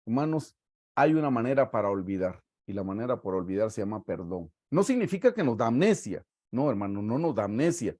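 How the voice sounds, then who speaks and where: A man's voice: lowish voice, sing-song, a little mellow, dry recording, clean studio sound. Emphatic Guatemalan man preaching. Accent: Guatemalan Spanish. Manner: preaching, reading scripture aloud with slow emphatic stresses. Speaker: pastor. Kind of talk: sermon.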